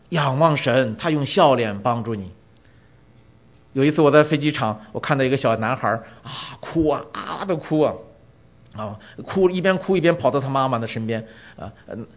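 A middle-aged man preaching a sermon, telling stories with many rhetorical questions and rising to emphatic peaks. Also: medium pitch. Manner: animated storytelling, rhetorical questions, voice swells when emphatic. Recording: dull lo-fi sound.

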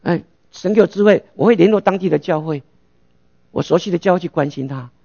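A man's voice: sits high, fairly quick, vocal fry, dark tone, lo-fi sound. A male pastor preaching a sermon, asking rhetorical questions and answering them himself.

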